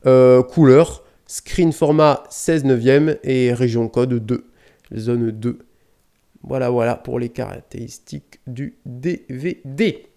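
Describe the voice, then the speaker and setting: A man hosts a casual unboxing vlog at mid pitch. He rambles, swears lightly and keeps correcting himself. He talks close to a desk mic. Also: dark tone. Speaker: YouTube DVD collector host.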